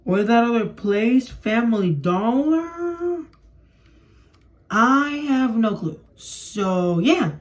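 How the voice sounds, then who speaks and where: Very high-pitched and drawing out his words with lively intonation, a young adult man who speaks Spanish natively chats casually and ramblingly as he demonstrates something to camera. He makes toy videos from a small room at home, and clear background noise and clicking are present.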